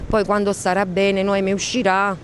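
A middle-aged to older woman gives an unscripted street interview as a grandmother. Her voice sits at an ordinary pitch for a woman. She is outdoors at reporters' microphones, with clear city traffic noise around her. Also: completely flat delivery, normal speed. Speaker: grandmother giving a press interview. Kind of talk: spontaneous street interview answers. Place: outdoors on a busy street by a hospital gate. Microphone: reporters' handheld microphones.

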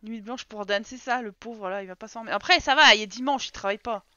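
Bright-voiced woman chatting over a life-sim game. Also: mid-range voice, fairly even intonation, quick pace, no room sound, highs cut off. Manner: chatty, exclaims and scolds her game characters. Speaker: streamer. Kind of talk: casual let's-play commentary.

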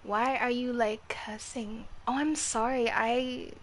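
Woman, 20s, live streamer: kid-like higher voice, unhurried, profane casual chat with chat. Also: fairly even intonation. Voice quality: youthful, girlish-sounding voice. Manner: swears freely and chats with viewers. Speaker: livestreamer.

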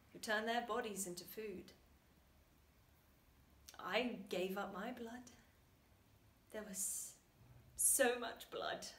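A woman performing a dramatic stage monologue as a tragic, sorrowful young mother, emotionally intense and moving between hushed and raised delivery. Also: high-pitched. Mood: wounded wonder. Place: small bare indoor room. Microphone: camera at some distance. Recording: echoey room, distant microphone.

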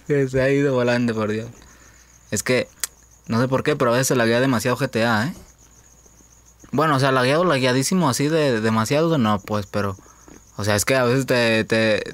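A young man with a Mexican accent giving casual gameplay commentary, joking, swearing freely, laughing often and breaking into sudden high-pitched yelps. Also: a bit bright. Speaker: gaming YouTuber.

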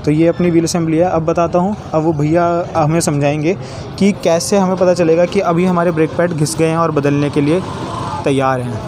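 Talking fairly quickly with fairly even intonation and a slightly high voice, this channel host, a man in his twenties, guides viewers through car parts in an outdoor garage. He hesitates now and then, pointing things out one step at a time, as street and vehicle noise carries in the background.

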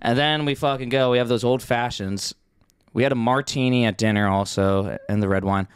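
A man's voice: medium pitch, moderate pace, clean tone, no echo, clean studio sound. A man co-hosting a podcast in casual, slangy banter full of swearing and anecdotes. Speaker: podcast co-host.

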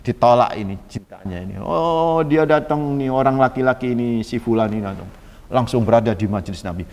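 A man's voice: mid-range voice, fairly quick, a little mellow. A man giving a sermon, telling a story animatedly and acting out its dialogue with chatty asides. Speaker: religious teacher. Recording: reverberant hall sound.

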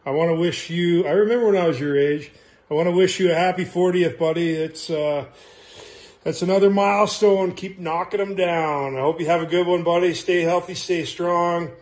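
A man's voice: sits high, fairly even intonation, normal speed. A man recording a casual, chatty birthday greeting. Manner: easygoing, chatty.

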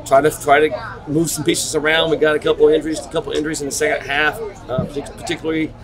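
Middle-aged man, coach at a postgame presser, slightly high voice, stop-start answers, crowd chatter in a stadium corridor. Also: little pitch movement, poor audio. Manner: halting, repeats words and restarts sentences. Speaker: head football coach. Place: concrete-walled stadium corridor. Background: crowd noise.

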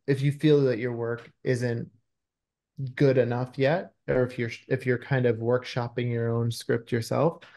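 A man in his thirties with a warm, mid-range voice speaks casually as a guest in a video-call interview, often searching for the right words. He's indoors in a small room at home.

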